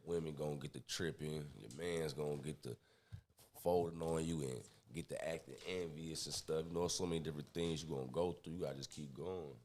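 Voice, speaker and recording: A man with a very deep voice, chatting easygoing as a guest on a casual podcast. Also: fairly even intonation, fairly quick, a little mellow. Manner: laid-back, easygoing slang. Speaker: guest, clothing brand owner.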